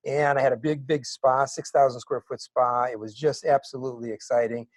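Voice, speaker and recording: Animated storytelling man, dry close sound. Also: medium pitch, fairly quick, dry recording. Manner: animated, builds to excited bursts. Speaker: interview guest, wig maker. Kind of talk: storytelling in an interview.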